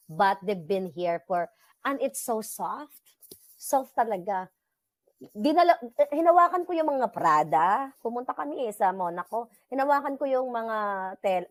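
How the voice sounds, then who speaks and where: A woman's voice: medium pitch, no echo. Chatty Filipino woman host, dry sound. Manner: chatty, mixes Tagalog and English, laughs often. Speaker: livestream host. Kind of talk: casual chat with viewers.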